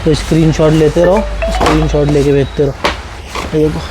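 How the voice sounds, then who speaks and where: A man selling shop stock in an insistent, repetitive teleshopping-style sales pitch, calling out prices. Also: flat delivery, brisk, music in the background, poor audio. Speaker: shop seller presenting stock on video.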